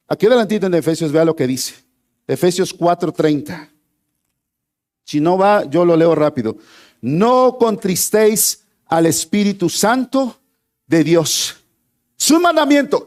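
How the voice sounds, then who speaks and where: A man preaching a sermon with a high voice. He climbs into near-shouts on the points he stresses, then falls back low. He keeps turning to the congregation with questions.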